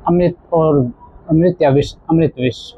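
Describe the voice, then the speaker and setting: A male teacher explaining a textbook lesson to children, slowly repeating words for emphasis. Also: on the high side, steady tone, vocal fry, warm tone. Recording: tinny phone-like audio.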